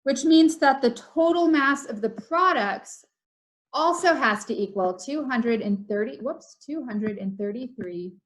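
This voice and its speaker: A young woman with a fairly high voice talks through a recorded video lesson. She explains step by step and patiently repeats the key rules so they stick. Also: fairly bright tone, rough recording. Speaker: teacher.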